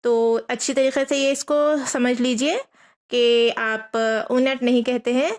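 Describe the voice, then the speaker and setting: A woman teaching a Quran reading lesson, patiently repeating each rule, asking her students questions and slowly spelling out letters. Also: fairly high pitch, steady tone. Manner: patient, repeats rules and asks rhetorical questions.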